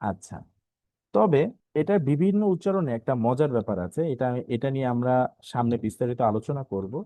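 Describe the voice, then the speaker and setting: A man teaching an online Quran recitation lesson, patiently repeating each letter sound slowly and pausing often with filler sounds. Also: medium pitch, mellow, no echo. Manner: halting, with many filler sounds.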